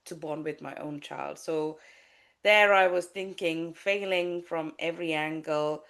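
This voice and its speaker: A Sri Lankan life coach, an adult woman with a child, is a guest on a podcast and speaks candidly and haltingly about a personal story, often restarting sentences and stopping on fillers. Her voice is low-pitched, creaky, and fairly bright, with a steady tone.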